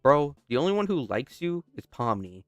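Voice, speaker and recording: Sneering cocky male rabbit classmate, played by a man, teasing, clear, dry close sound. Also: medium pitch, big pitch swings, normal speed, dry recording, soft background music, natural voice. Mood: smug.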